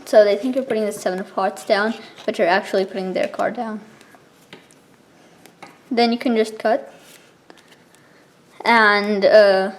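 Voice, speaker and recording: A woman explaining something step by step in a casual, informal tutorial style, with halting pauses between steps. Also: mid-range voice, a little mellow. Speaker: card trick tutorial presenter.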